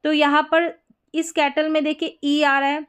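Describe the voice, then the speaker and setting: A woman's voice: high voice, flat delivery, measured pace. A woman teaching English spelling rules, patient and explaining step by step with many examples. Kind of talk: spoken spelling lesson.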